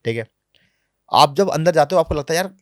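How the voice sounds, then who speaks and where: Guy on a podcast telling travel stories, voice a bit high, really dry close sound. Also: fairly quick, dry recording. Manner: animated storytelling, drops to low quiet asides. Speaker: travel vlogger guest. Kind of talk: casual podcast interview. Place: podcast studio.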